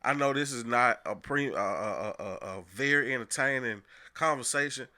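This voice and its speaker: A man's voice: medium pitch, normal speed, pushed and bright. A man co-hosting a podcast in casual chat, talking emphatically and laughing often. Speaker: podcast co-host.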